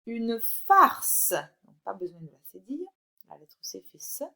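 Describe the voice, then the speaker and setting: A woman teaching a recorded phonics lesson to young children, reading words slowly and clearly and encouraging the child directly. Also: lowish voice, big pitch swings, dark tone. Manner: slow, clear, drawn-out word by word reading. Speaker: primary school teacher.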